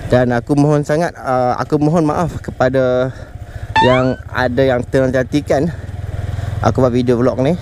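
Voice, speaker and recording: A man's voice: mid-range voice, steady tone, moderate pace. A man with a Malaysian Malay accent vlogging casually while riding a motorcycle through traffic, chatty and often calling his viewers "guys". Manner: chatty, keeps calling viewers "guys", mixes in English words. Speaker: motovlogger. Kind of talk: casual riding vlog chat. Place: outdoors on a moving motorcycle in city traffic. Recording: wind and traffic noise.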